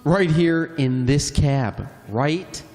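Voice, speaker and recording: A man's voice: fairly high pitch, expressive, extremely slow, a little mellow, heavily acted. Radio play: man as haughty, dry-witted passenger, theatrical up-and-down reading. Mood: sarcastic. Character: pompous, sarcastic man-about-town passenger. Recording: long hall reverb.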